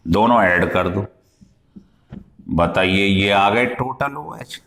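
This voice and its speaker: A man's voice: on the low side, lively intonation, slow, fairly bright tone, a little hiss or hum. Man teaching in an echoey room. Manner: explains step by step and quizzes students. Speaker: chemistry teacher. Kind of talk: classroom lecture.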